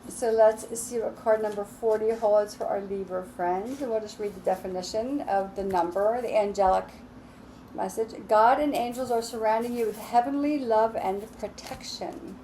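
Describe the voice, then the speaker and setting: A woman reading tarot cards alone, talking in a slow, soothing, reassuring way. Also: medium pitch, steady tone, warm tone, slight background noise, poor audio. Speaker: tarot reader. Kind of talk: relaxed solo tarot reading.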